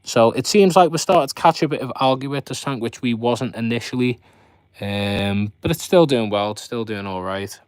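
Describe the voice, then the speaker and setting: A man hosts a casual live stream in a mid-pitched voice. He rambles along conversationally, talking straight to his viewers, and the sound is dry with very little room around it. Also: normal speed, clean tone, no room sound. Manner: rambling, chatty commentary with viewers addressed directly. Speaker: host of a fishkeeping live stream. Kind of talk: casual live chat, showing his fish tanks.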